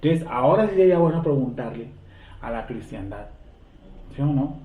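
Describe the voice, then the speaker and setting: A man's voice: mid-range voice, lively intonation, moderate pace. A man teaching a Bible lesson to a class, often asking a question and answering it himself. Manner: asks the class rhetorical questions and answers them. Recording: tinny, echoey room, distant mic.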